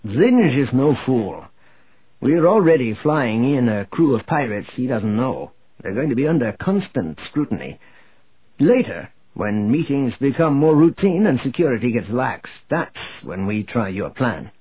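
Man voicing a steady military commander. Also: medium pitch, a little slow, husky. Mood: firm. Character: calm male military commander. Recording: tinny phone-like audio.

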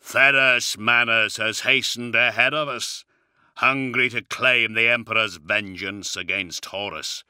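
A man voicing a huge armoured warlord who speaks in a deep, rumbling, grave voice. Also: steady tone, measured pace, pushed and bright, smooth, dry recording, studio quality.

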